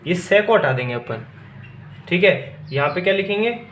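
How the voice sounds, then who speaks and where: A man's voice: high-pitched, animated, normal speed, fairly bright tone, roomy sound, a little hiss or hum. A young man teaching German numbers to a class. He asks a question, then answers it himself and repeats each word. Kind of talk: classroom-style language lesson.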